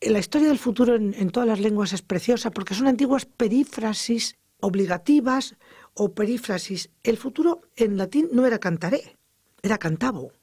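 Lively radio grammar teacher. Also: medium pitch, normal speed, slightly rough, no echo, studio quality. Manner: lively explaining with spoken example sentences. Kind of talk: educational radio lesson.

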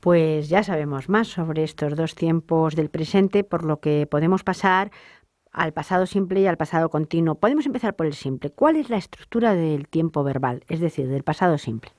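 A woman's voice: sits low, moderate pace, a little mellow, no echo, clean studio sound. A woman hosting a language lesson, posing questions and summing up each point. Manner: poses questions and sums up. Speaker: host. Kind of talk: scripted lesson moderation.

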